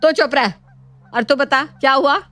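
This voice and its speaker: A woman's voice: high-pitched, a little slow, bright, forceful tone, dry recording, voice pushed up. A woman voicing a stern, caring older mother-in-law in a cartoon story, commanding and scolding.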